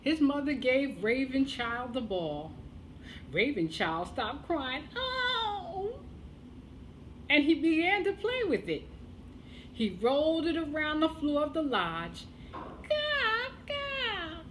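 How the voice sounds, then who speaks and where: A woman telling a children's tale as a storyteller, expressive and deliberate, with dramatic pauses. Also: sits high, a little hiss or hum.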